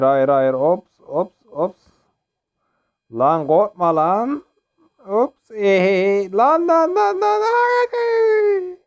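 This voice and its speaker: A young man giving casual, jokey commentary while playing a mobile game, often yelping and laughing. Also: medium pitch. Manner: excitable, jokey, yelps and laughs during play. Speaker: gaming channel host.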